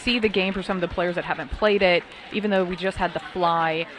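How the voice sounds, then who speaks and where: Male co-commentator, fast, stumbles over words, noise behind. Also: high-pitched, fairly even intonation, a crowd in the background. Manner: fast, halting, repeats words. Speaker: color commentator. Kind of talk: live sports commentary. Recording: noisy background.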